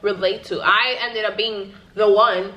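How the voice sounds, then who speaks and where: A young woman in her twenties chatting casually while eating, talking quickly and laughing often. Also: mid-range voice, fairly even intonation, pushed and bright, roomy sound, dull audio. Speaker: vlogger. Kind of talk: casual mukbang chat. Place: apartment living room floor.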